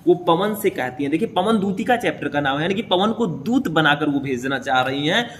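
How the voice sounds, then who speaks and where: A man's voice: on the high side, lively intonation, fairly quick, a bit bright, a little hiss or hum. A young man teaching a class, explaining a poem line by line and often checking in with his listeners.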